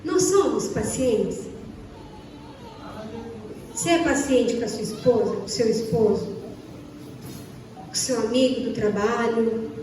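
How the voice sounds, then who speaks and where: Unhurried and pausing often, a young Brazilian woman with a fairly high voice and a Brazilian Portuguese accent preaches to a church. She asks the audience repeated questions and stages little dialogues. Recorded from far away in an echoey church hall, there's background noise.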